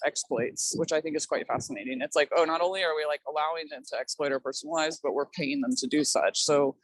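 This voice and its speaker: Her voice is low and she talks fast, reflecting casually on her work as an artist. The speech is thoughtful but loose, scattered with filler words such as "like" and "kind of". The recording is low quality, without echo.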